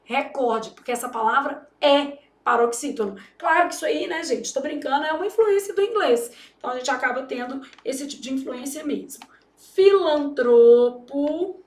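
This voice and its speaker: Chatty high-voiced woman teaching grammar. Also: expressive, a little fast, hardly any pauses, roomy sound. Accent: Brazilian Portuguese. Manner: chatty, jokey, addresses students as "gente". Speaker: Portuguese teacher for exam prep. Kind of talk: lively classroom lesson.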